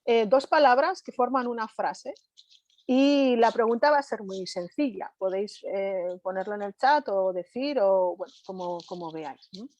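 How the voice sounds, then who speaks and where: A woman's voice: medium pitch, moderate pace, darkish tone, no room sound, lo-fi sound. A woman from Spain giving a live online lecture, talking conversationally and constantly checking in with her audience.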